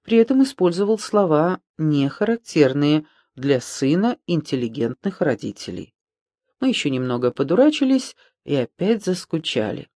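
A man reading an audiobook aloud in an even storytelling manner on a close mic. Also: on the high side, moderate pace, no echo. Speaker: audiobook reader. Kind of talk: scripted narration.

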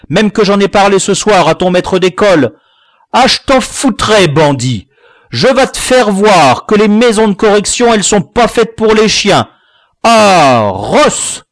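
A man voicing a gruff, furious rural father who swears and shouts at his son. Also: a little high, no room sound, studio quality, voice pushed up, heavily acted. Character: angry rural French father, gruff, scolding.

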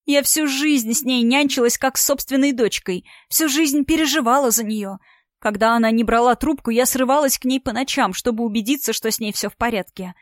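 A woman's voice: fairly high pitch, moderate pace, no echo, clean studio sound, lightly acted. A woman voicing a tearful, distraught young woman who sobs and pleads with a trembling voice in an audiobook story. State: crying. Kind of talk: audiobook character voice.

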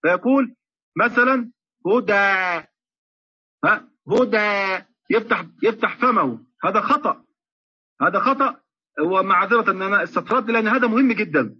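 A man teaching Quran recitation in an online lecture, explaining at length and slowing down to chant example verses. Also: high voice, lively intonation, slightly rough. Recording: muffled lo-fi online audio.

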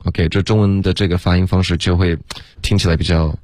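Low-voiced male pronunciation teacher, dry close sound, breaks English phrases down slowly for radio learners. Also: steady tone, darkish tone, dry recording. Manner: explains in Mandarin and demonstrates English phrases slowly, syllable by syllable. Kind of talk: radio English lesson, co-hosted.

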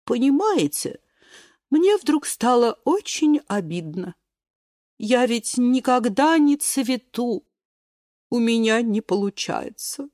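A woman voicing a gentle, sad beet girl in a storybook who talks in a plaintive, tearful way. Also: a little high, lively intonation, slow, no room sound, studio quality, pitched above the performer's own voice. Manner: sobbing, plaintive.

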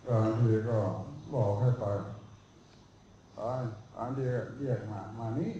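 Monk giving a Dhamma talk: a man, deep, dark and mellow tone, speaking slowly, roomy dull hall recording. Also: slight background noise. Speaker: Buddhist monk teacher. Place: meditation retreat hall.

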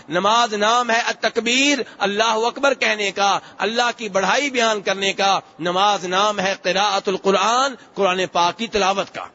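A man preaching a hadith lesson in a high, bright voice, going over each phrase more than once. He recites Arabic lines slowly, then explains them. The recording sounds dull and lo-fi. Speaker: Islamic preacher.

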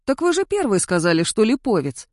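A woman's voice: fairly high pitch, very animated, fairly quick, darkish tone, no room sound, voice pushed up. Sex: man, read by a woman. Figure: grumbling investigator in an audiobook. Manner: grumbling. Sound: dry. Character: grumbling male investigator, keen nose.

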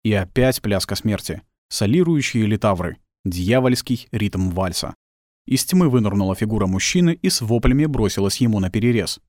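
A man narrating an audiobook in a tense, expressive storytelling manner. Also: on the low side, normal speed, no echo. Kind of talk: dramatic scripted narration. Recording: dry close studio sound.

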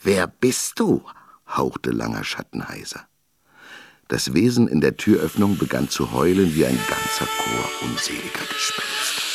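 A man narrating a children's story in an expressive, lively reading voice. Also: very deep voice, gravelly.

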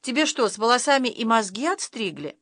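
A woman's voice: on the high side, sing-song, brisk, a bit bright, no room sound, clean studio sound, voice pushed up, full character voice. A woman voicing an astonished father, a detective, who exclaims and groans.

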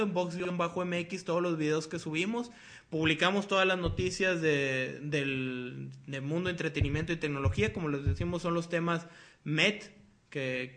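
A young Mexican man hosts a casual podcast chat, his voice sitting a little high for a man. He rambles loosely and drops slang and swear words as he goes. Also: fairly bright tone. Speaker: podcast host.

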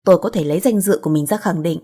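A woman's voice: lowish voice, dark tone, breathy edge. A woman voicing a composed, principled young married woman who speaks firmly. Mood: calm. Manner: firm, measured.

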